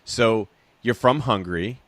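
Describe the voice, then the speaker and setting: A man's voice: fairly low pitch, measured pace, fairly bright tone, dry recording. A man hosting a podcast interview, upbeat and laughing easily with his guest. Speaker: podcast host.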